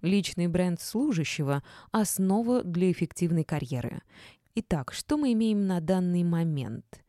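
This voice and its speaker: Warm low-voiced woman narrating wryly. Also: animated, unhurried, no echo, clean studio sound. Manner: wry, ironic. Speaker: audiobook narrator. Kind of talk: first-person audiobook narration.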